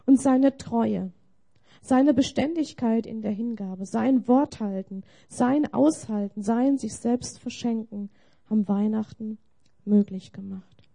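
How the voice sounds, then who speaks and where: A woman preacher delivers a sermon at an unhurried pace. Her voice is low-key and dark, gravelly and slightly husky, and her delivery is plainspoken and measured.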